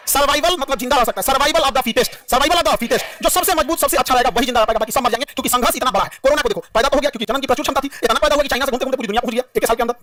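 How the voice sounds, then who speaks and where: A man's voice: very high-pitched, racing, hardly any pauses, bright, forceful tone. A man teaching a classroom lecture, repeating key terms, asking questions and joking with students. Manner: repetitive, quizzing, humorous. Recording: dry, mic at a distance.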